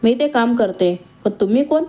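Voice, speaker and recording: A woman's voice: on the high side, expressive, normal speed, warm tone, natural voice. A woman voicing a curious young woman who works in the house and asks a lot of questions.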